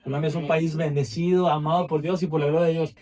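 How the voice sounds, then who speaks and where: A man's voice: a little high, flat delivery, fast talker, warm tone, far from the mic. A man, preaching a fervent sermon in a church with repeated, rising emphasis. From Ecuador. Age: 20s.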